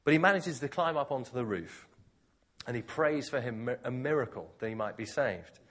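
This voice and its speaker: Male preacher, mid-pitched, husky, animated delivery; conversational expository sermon. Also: normal speed.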